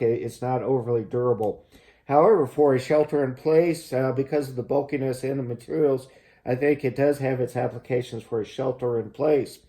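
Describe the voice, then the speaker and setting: A man hosting a casual gear review, explaining things in a halting, measured way. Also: mid-range voice, warm tone. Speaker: host of a gear review channel. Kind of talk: casual product review to camera.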